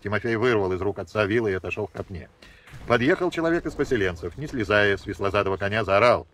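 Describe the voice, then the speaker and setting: A man reading a novel aloud as narrator, measured and expressive. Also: lowish voice.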